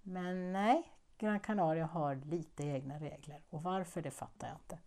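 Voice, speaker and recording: Chatty woman with a lowish voice. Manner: chatty, rambling, musing aloud with soft laughs. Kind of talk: casual vlog chat. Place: living abroad in a warm place.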